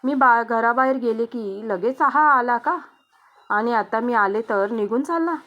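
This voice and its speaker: A woman storyteller voicing a suspicious, sharp-tongued older mother-in-law who scolds and accuses. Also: fairly high pitch, measured pace, dull audio, lightly acted. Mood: mocking.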